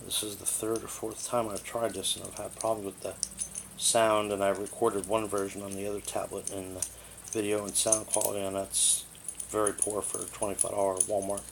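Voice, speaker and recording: Gravelly and lowish, this reviewer's voice stays level as he talks a little fast. He rambles matter-of-factly through a casual product overview in his living room, recorded on a tablet's built-in mic with plenty of noise.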